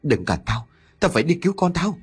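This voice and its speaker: Narrator doing a freaked-out dad, urgent, slightly husky. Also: male voice, a little high, big pitch swings, brisk, pitched above the performer's own voice, heavily acted. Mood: frantic. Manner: urgent, distraught. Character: desperate father, guilt-ridden husband.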